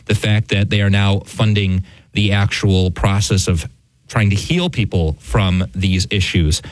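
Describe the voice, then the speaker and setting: A man with a fairly low-pitched voice co-hosts a news show, chatting casually about the headlines a little slowly. He keeps starting and restarting in a rambling way and chuckles, and the recording has no echo.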